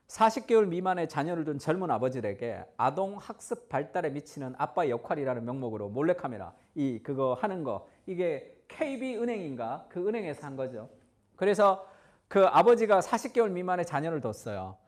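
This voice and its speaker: A man preaching a Sunday sermon in a high, lively voice that swings widely in pitch. He moves between scripture quotes and anecdotes, briefly playing the people in his stories. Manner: animated storytelling, acting out quoted voices. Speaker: pastor.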